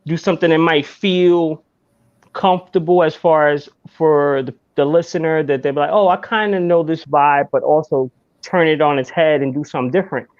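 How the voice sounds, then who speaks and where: A man's voice: on the high side, steady tone, moderate pace, a little mellow, muffled recording. A man hosting a podcast in casual chat, laid-back and swearing freely. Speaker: podcast host.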